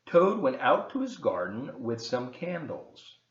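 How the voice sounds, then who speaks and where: Slow, very animated man reading to children. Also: medium pitch, echoey room, dull audio. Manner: expressive, encouraging, emphatic. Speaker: volunteer children's story reader. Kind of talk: read-aloud storytelling with chatty asides to children.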